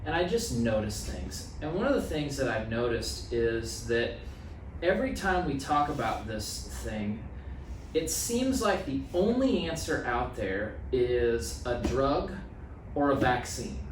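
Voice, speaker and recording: An American guest health practitioner in his thirties, from a small US town, talks plainly on a casual podcast and repeats phrases for emphasis. His medium-pitched voice is very animated yet measured in pace. Recorded in a small office meeting room, he sits far from a boom-arm podcast mic, so the sound is roomy with faint noise.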